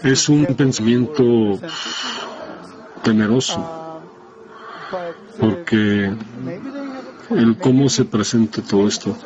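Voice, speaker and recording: A man talks slowly through a spoken testimony, pausing often and circling back to restart his phrases. His voice sits at a middle pitch. The recording sounds muffled and lo-fi. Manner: halting, hesitant, many restarts. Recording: dull lo-fi sound.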